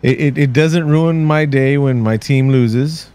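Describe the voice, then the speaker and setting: A man's voice: mid-range voice, a little slow, warm tone. A man from Texas, co-hosting a podcast in rambling, jokey casual chat, often restarting mid-sentence. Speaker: podcast co-host.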